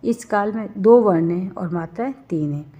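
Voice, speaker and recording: A woman's voice: medium pitch, moderate pace, dark tone, breathy edge. A woman teaching a grammar lesson, explaining each step and asking questions as she goes. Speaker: Hindi teacher. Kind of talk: classroom lesson on Hindi grammar. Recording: dull, slightly lo-fi recording.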